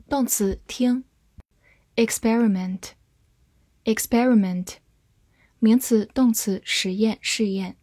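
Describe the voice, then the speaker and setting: A woman teaching English vocabulary, reading each word slowly and carefully in a scripted lesson. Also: mid-range voice, warm tone, no room sound.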